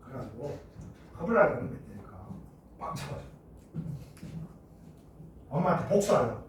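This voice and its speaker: A middle-aged man from Jeju Island telling a childhood story in a classroom chemistry lecture, acting out shouting voices along the way. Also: mid-range voice, normal speed, a little hiss or hum. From Jeju Island, Korea. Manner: animated, acts out shouting voices in his stories. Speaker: chemistry teacher. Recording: echoey room, mic far off.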